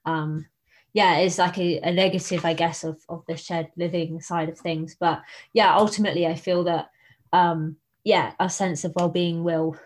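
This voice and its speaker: Earnest woman speaker, low and even. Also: moderate pace. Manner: hesitant, many ums, earnest. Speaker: guest speaker, researcher. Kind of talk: answering questions in a webinar.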